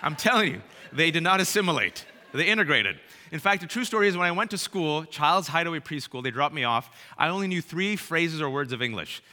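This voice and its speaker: A man, telling comic stories to a live audience and shouting out punchlines. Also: a little high, animated, brisk. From Bay Area, California. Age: 30s. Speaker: speaker. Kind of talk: comic storytelling talk. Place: large hall with live audience. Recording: reverberant hall.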